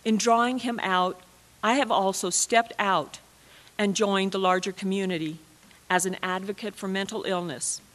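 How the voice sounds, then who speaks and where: A mother performing a personal monologue on stage, with a measured, heartfelt delivery. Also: mid-range voice, fairly even intonation, fairly bright tone. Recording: reverberant hall.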